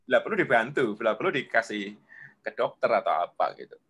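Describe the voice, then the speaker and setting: A man, guest leadership coach, explaining at length and acting out examples, often sinking to a soft low voice. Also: big pitch swings, brisk, slightly rough. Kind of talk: explaining in an online talk.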